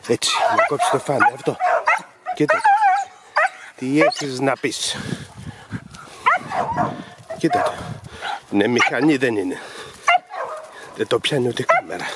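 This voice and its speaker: Hunting dog trainer, male, medium pitch with a lively, swinging delivery, talking over loud outdoor noise and barking dogs. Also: pauses often. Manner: instructive, emphatic, lively explanations. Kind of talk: explaining to camera while working dogs.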